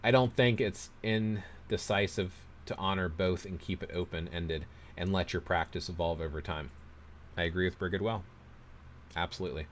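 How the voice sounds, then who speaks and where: A man with a very deep voice talks loosely on a livestream. He rambles through his opinions and cheerfully mocks himself for going on too long. He reads viewer comments aloud and answers them. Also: moderate pace, a little hiss or hum. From United States. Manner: rambling, opinionated, self-deprecating. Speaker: livestream host reading chat comments. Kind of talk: casual livestream chat.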